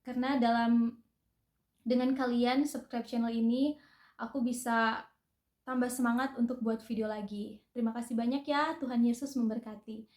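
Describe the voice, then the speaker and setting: A young woman vlogger talks in a friendly, chatty way, slipping in small hesitant fillers as she goes. Her voice sits a little high. The room around her adds a clear echo. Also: steady tone, normal speed, darkish tone. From North Sulawesi, Indonesia. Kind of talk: casual personal vlog.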